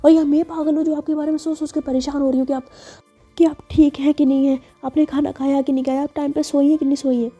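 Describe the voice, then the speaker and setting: A woman voicing an angry young woman who scolds her partner in rapid, indignant bursts. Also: high-pitched, mellow, soft background music, pitched above the performer's own voice, natural voice. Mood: furious.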